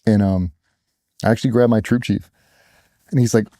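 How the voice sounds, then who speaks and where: This is candid personal storytelling from a middle-aged former soldier, a Navy SEAL turned interview guest, who speaks bluntly and casually and acts out what others said. His lowish voice is warm and fairly even, at a normal speed. The studio sound is clean, with no room sound.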